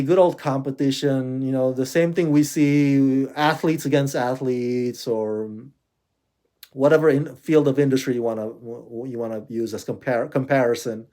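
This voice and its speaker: A man hosting a casual commentary vlog, talking in a chatty, rambling way with many restarts and "you know"s, and laughing often. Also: on the high side. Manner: laughs often, playfully sarcastic. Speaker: channel host.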